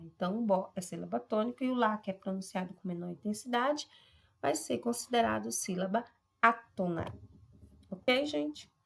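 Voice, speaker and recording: Creaky-voiced teacher woman. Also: mid-range voice. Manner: patient, draws out example words slowly. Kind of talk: classroom lesson on syllables.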